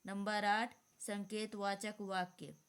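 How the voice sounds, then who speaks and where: Slow, measured woman teaching grammar. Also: medium pitch, flat delivery, clear, resonant tone. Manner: dictating slowly, repeating definitions. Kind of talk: slow exam-prep grammar lesson.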